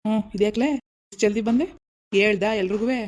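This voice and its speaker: A woman's voice: medium pitch, fairly even intonation, fairly quick, a little mellow, pitched below the performer's own voice, natural voice. A woman voicing a blunt, dismissive older village husband in a cartoon. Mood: gruff. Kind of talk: animated cartoon voice acting.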